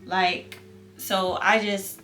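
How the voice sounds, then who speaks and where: A young woman talks casually and personally, like a vlogger sharing a testimony. She has the fervent, earnest manner of a new believer and repeats phrases to stress them. Her pitch is middling, and music plays softly underneath. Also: level tone, extremely slow.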